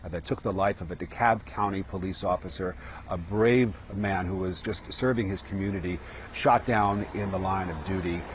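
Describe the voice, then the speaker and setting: Male live reporter, fairly low register, halting ad-lib delivery, light outdoor noise. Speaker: field news reporter. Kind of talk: live news reporting, ad-libbed. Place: outdoors at the scene. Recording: outdoor street and traffic noise.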